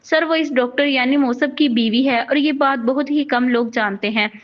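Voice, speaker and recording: A woman's voice: high-pitched, normal speed, lightly acted. A woman voicing a nervous male henchman. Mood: deferential. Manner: deferential, says sir. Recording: dull lo-fi recording.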